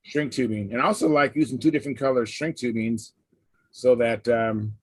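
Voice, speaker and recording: A man's voice: medium pitch, steady tone, moderate pace, husky, no echo. Man hosting a casual livestream, dry close sound. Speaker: host of a hobby livestream hangout. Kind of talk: casual chat, reading out viewer comments. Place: live online video hangout.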